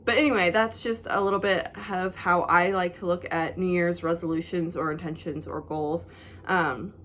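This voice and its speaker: A young woman talks straight to her camera from a bedroom, her voice on the lower side. She sounds chatty and a little rehearsed, as if reading. A toddler is faintly heard in the background of the home recording. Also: slight background noise. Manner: chatty and apologetic, a bit scripted. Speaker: vlogger. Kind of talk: casual vlog talk to camera. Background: toddler noises in the background.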